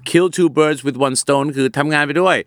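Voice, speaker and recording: A man's voice: fairly high pitch, slow pace, fairly bright tone, dry recording. A man co-hosting a podcast as the English explainer, patiently explaining words and mixing in English phrases in casual chat, recorded in a studio.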